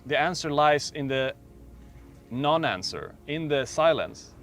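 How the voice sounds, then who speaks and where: A man speaking as a meditation teacher, guiding a slow, calm meditation with long pauses. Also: fairly high pitch, soft background music. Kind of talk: guided meditation talk.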